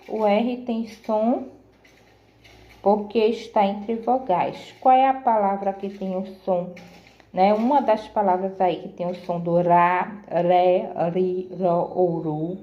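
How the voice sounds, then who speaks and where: A woman's voice: mid-range voice, echoey room, highs cut off. A woman teaching a grammar lesson to pupils, sounding out words syllable by syllable and checking in often. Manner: slow, careful syllable-by-syllable explanations with frequent "certo?".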